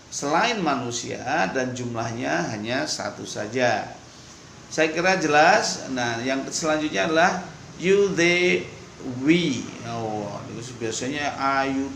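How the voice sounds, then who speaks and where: A man teaching an English lesson, slow and patient, repeating each sentence for learners. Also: medium pitch, gravelly, a bit bright, slight background noise. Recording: echoey room, faint ambience.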